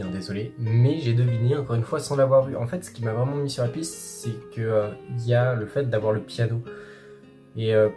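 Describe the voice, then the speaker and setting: A man giving casual, chatty commentary while guessing a quiz, with many fillers and playful self-praise. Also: medium pitch. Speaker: YouTuber playing a manga quiz.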